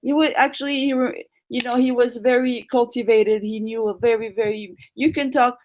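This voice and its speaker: A woman who grew up in Morocco, speaking as a guest on a casual chat show. Her voice sits a little high, and she talks haltingly, filling gaps with ums and starting her phrases over. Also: steady tone, a little mellow, rough recording. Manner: hesitant, many ums and restarts.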